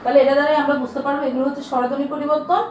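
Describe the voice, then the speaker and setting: A woman with a high voice teaches a grammar lesson, asking her students questions and answering them herself. She repeats key terms slowly. The recording is very echoey, with the voice far from the microphone. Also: level tone, darkish tone, a little hiss or hum. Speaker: school teacher.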